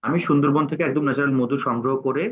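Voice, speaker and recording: A man's voice: medium pitch, fairly even intonation. A man, teaching a tutorial and dictating word by word as he types. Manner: halting, dictates word by word while typing. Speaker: instructor. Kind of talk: screen-recorded tutorial. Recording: tinny phone-like sound.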